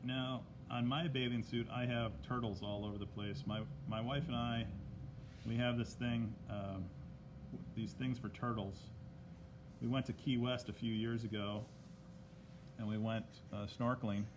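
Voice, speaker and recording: A man's voice: mid-range voice, fairly even intonation, unhurried, background noise. Chatty man teaching a drawing lesson. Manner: chatty, greets viewers by name mid-lesson. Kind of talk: casual live-stream drawing lesson. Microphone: tablet microphone.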